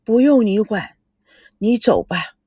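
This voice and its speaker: A woman's voice: mid-range voice, animated, slow, warm tone, breathy edge, dry recording, clean studio sound. A woman voicing a weak, grieving wife who speaks faintly.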